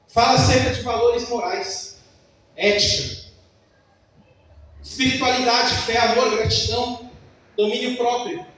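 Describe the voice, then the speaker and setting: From far back in an echoey church hall, a man's sermon can be heard: emphatic and storytelling, rich with personal anecdotes, in an extremely high, fairly bright voice.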